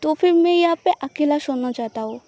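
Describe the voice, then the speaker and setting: A woman's voice: high-pitched, brisk, dark tone, natural voice. A woman voicing a reluctant, irritable young wife who sulks and pleads. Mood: sulky. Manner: pleading, sulky.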